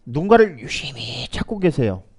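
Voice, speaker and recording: A man preaching a Sunday sermon as pastor, moving between quiet asides and loud, emphatic rises, and calling on the congregation to repeat lines aloud. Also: a little high, big pitch swings, normal speed.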